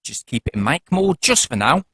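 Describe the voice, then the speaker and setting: A man's voice: fairly high pitch, big pitch swings, moderate pace, fairly bright tone, breathy edge, no room sound. A man giving a chatty, jokey product review in a casual, upbeat way.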